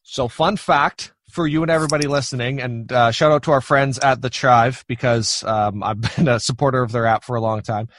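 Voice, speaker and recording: A man's voice: mid-range voice, steady tone, fairly quick, hardly any pauses, fairly bright tone, dry recording. A man hosting a podcast in a casual, conversational interview style. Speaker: podcast host.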